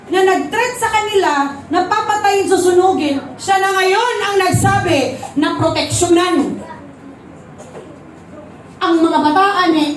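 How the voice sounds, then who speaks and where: High-voiced woman pastor preaching. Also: a little hiss or hum. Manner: animated storytelling, switching into English. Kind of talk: sermon. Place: church service. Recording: echoey church hall, mic far off.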